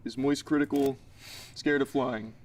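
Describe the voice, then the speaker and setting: A man's voice: mid-range voice, fairly even intonation, measured pace, darkish tone. Off-camera male interviewer, distant mic. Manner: short, plain questions. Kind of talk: reading interview questions.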